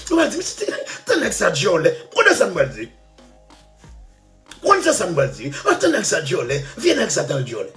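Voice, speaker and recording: Guy ranting, voice jumps all over, loud laughs, quiet music behind. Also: high-pitched. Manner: loud, laughing, swings from shouts to mutters. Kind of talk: animated storytelling rant.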